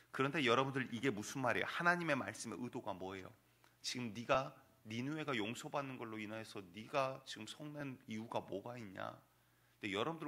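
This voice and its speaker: Forceful male pastor preaching. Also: mid-range voice. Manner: emphatic, with rhetorical questions to the congregation. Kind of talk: sermon. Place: church sanctuary.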